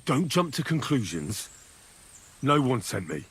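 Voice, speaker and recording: An actor playing a steady medieval hero in a video game, coaxing and persuasive as he talks down a hostage-taker. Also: mid-range voice, measured pace, breathy edge, full character voice. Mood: calming, coaxing. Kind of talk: dramatic video game acting.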